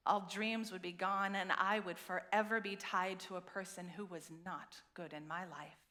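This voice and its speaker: Slow, earnest woman rabbi at a pulpit microphone. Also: fairly low pitch, pushed and bright. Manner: earnest, measured delivery with deliberate repetition. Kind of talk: sermon. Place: synagogue sanctuary.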